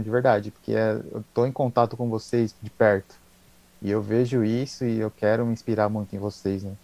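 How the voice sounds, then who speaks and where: A man's voice: lowish voice, warm tone, poor audio. Earnest, hesitant man asking a question. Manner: hesitant, earnest, many restarts. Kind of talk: casual chat.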